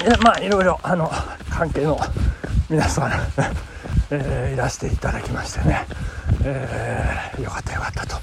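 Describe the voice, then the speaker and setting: Over a noisy background, a man with a creaky, medium-pitched voice hosts a casual solo podcast. A podcast host and amateur rakugo performer, he tells a story politely and chattily, with lots of fillers.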